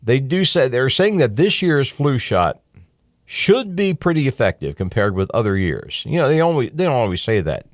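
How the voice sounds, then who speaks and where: In a radio studio, a middle-aged American man speaks into a close studio mic, hosting talk radio with a casual, opinionated monologue that's folksy and conversational, punctuated by emphatic asides. His medium-pitched voice is sing-song at a moderate pace, with clean studio sound and no room sound.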